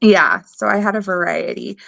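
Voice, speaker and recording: A woman co-hosting a podcast, easygoing and quick to giggle. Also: medium pitch, gravelly, fairly bright tone. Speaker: podcast co-host. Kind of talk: casual chat.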